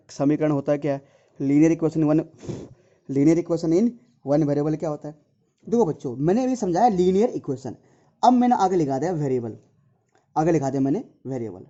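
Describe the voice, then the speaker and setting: A male tutor works through a math lesson, asking his class questions and answering them himself, saying each point over and over. His voice is deeply mellow and dark yet sits a little high. The recording sounds dull and lo-fi. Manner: repetitive, asks and answers his own questions, addresses students as dear children.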